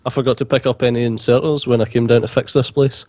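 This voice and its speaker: A man's voice: medium pitch, steady tone, fast talker, a little mellow, dry recording. A man from Scotland with a mild Scottish accent, joking and laughing often in a casual chat over a game. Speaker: co-player.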